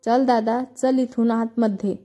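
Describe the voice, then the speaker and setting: A worried younger sister, urgent yet gentle with her brother, as a woman reads her part. The voice is fairly high, mellow, and flat. It is a storybook reading. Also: a little slow.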